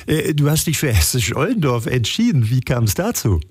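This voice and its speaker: A man's voice: medium pitch, sing-song, normal speed, breathy edge, dry recording. A man hosting a radio interview, asking friendly questions. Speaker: radio host.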